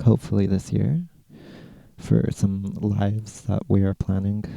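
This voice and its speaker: American man, podcast Q&A host: low, gravelly, mellow, relaxed and rambling. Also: dry recording. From California, USA. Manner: laid-back, rambling, with many "like" fillers. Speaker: podcast host answering listener questions. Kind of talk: casual Q&A chat.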